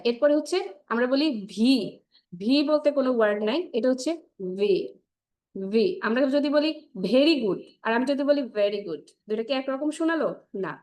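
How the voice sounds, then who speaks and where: A woman leads an English pronunciation class, her voice sitting a little high. She explains in Bengali peppered with English and slows down to repeat sounds for her students. She checks in with the group again and again as she goes. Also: darkish tone. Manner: explains in Bengali mixed with English, drills sounds slowly, checks with "ঠিক আছে?". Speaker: spoken English teacher. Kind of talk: online class lesson.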